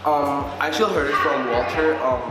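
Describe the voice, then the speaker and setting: A man's voice: on the high side, brisk. A young man, a student of eighteen, speaking hesitantly about finding the page. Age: young adult. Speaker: student interviewee. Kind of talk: casual testimonial. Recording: echoey room with loud music.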